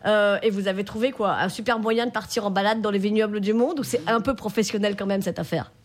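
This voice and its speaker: A woman's voice: medium pitch, steady tone, fast talker. A woman co-hosting a radio show as a journalist, friendly, asking questions with some hesitations. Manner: friendly, laughs easily, hesitant fillers. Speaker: co-host, food journalist. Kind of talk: radio interview.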